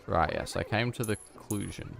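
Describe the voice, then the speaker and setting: Deep gravelly guy muttering through a game, chill and self-deprecating, little music in the back. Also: normal speed, fairly bright tone. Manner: mumbling, self-deprecating asides. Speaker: gamer. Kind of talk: casual gameplay commentary.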